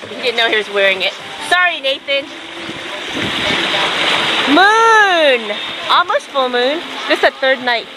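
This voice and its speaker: A woman's voice: high voice, sing-song, measured pace, long pauses. A woman vlogging casually outdoors on a sailing catamaran at sea, chatty and exclaiming into a handheld camera. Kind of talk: casual vlog chat. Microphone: handheld camera mic. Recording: loud wind and water noise.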